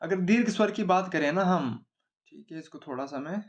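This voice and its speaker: In a muffled recording, a high-pitched male grammar teacher explains exam material at a board at normal speed. His style is simple, and he keeps asking his own questions, answering them, and checking 'है ना?' again and again.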